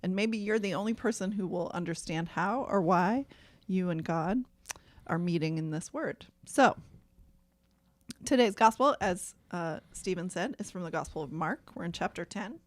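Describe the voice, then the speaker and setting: A woman's voice: on the low side, moderate pace, dry recording. Playful woman co-hosting a parish chat. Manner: playful, laughs easily, earnest when reading scripture. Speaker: parish podcast co-host. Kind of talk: casual chat and gospel reading.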